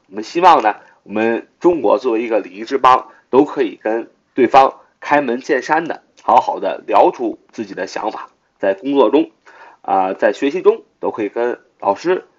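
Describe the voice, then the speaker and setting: A man hosting a vocabulary lesson, spelling letters slowly, repeating the word many times and using frequent filler sounds. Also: on the low side, lively intonation, slightly rough. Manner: frequent filler "啊" between phrases. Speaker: English vocabulary teacher, podcast host. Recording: muffled lo-fi audio.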